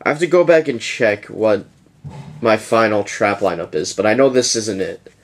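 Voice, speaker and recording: Rambling young man, fairly low voice. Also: normal speed, slight background noise. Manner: rambling, yawning, chatty. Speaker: YouTuber presenting a card deck. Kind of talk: casual deck profile.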